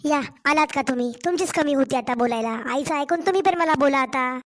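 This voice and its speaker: A woman playing a hoarse, aggrieved young wife. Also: high voice, fairly quick, natural voice. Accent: Marathwada Marathi. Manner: complaining, pleading. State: hoarse from a cold. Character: young wife and mother, aggrieved daughter-in-law. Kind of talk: cartoon story voice acting.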